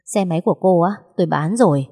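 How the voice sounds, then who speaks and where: A woman voicing a calm, teasing young man who keeps pursuing the heroine in a read-aloud story. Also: on the low side, fast talker, slightly rough, long reverb tail. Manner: teasing, steady and unbothered.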